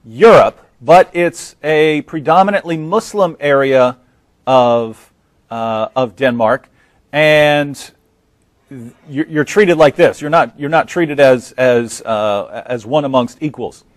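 A man in his thirties hosting a live studio talk show, earnest and halting with many fillers and restarts. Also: medium pitch, no echo. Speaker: host.

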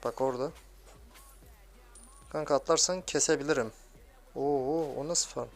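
A young man giving excitable, grumbling commentary while playing a mobile game, swearing at teammates. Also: medium pitch, measured pace, soft background music. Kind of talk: live gameplay commentary.

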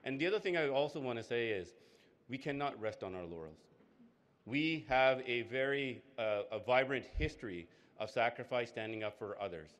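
A man, a politician giving a halting speech from a podium in a hall. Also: medium pitch, animated, fairly bright tone. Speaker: politician co-hosting an event. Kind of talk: public speech. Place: indoor hall, on stage at a podium. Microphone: podium microphone.

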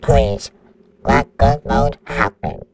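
A man's voice: medium pitch, slow, background noise, natural voice. A synthetic male voice playing a menacing computer virus that announces countdowns in a robotic tone.

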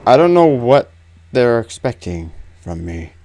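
Animated young man doing let's play commentary. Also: medium pitch, measured pace. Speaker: gaming video host. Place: small room indoors. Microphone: desk microphone close by. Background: video game ambience.

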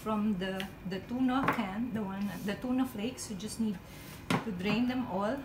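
A woman's voice: medium pitch, a little slow, a loud crowd. A middle-aged woman demonstrating a simple recipe in her home kitchen, explaining each step in a chatty way. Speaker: home cooking vlogger. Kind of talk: casual cooking demonstration. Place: small home kitchen, indoors. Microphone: handheld phone camera filming her. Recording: echoey kitchen with clear background noise.

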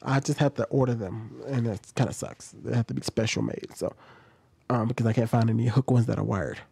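A man's voice: medium pitch, fairly quick, gravelly, mellow, husky. A man in his thirties giving blunt, casual reaction commentary from his home room into a close studio microphone, talking loosely with lots of fillers. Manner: blunt, conversational, many fillers. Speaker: commentary vlogger. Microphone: studio XLR mic on boom, close.

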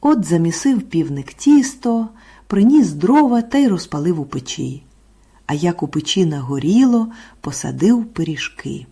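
A woman narrating a children's folk tale in a gentle, slow storybook manner. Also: lowish voice, sing-song, breathy edge.

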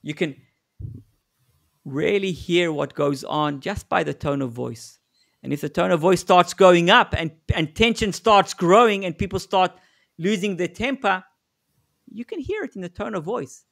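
Over a video call, a man presents a live webinar on negotiation, offering direct, coaching advice full of fillers and restarts. His high-pitched voice is animated and a bit bright, with vocal fry, and he takes his time.

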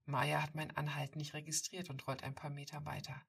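Woman storyteller, husky, gravelly, low voice, intimate, distant mic. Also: little pitch movement, brisk. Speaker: audiobook reader. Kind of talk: first-person story reading.

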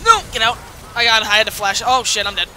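Loud, bright young woman gamer. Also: fairly high pitch, fairly even intonation, fast, a little hiss or hum. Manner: loud, swears freely, hypes own plays. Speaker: streamer playing a video game. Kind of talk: casual gaming chat with a teammate.

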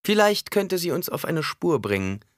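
A man's voice: on the high side, very animated, normal speed, no echo, clean studio sound, voice pushed up. A man voicing a stern scornful noblewoman. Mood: demanding. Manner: icy, scornful, commanding. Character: stern proud noblewoman, mother, cutting.

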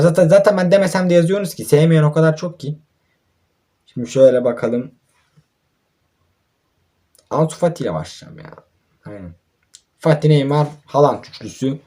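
A young mobile football gamer and YouTuber rants in exasperation over his match, swearing at his own team. His voice is medium-pitched and mellow, fast but broken by long pauses.

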